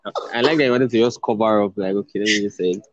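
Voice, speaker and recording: A man's voice: fairly low pitch, racing, a loud crowd. A man with a Nigerian accent hosting a casual chat, friendly and teasing, often restarting his sentences. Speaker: podcast host. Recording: dull, dry lo-fi audio.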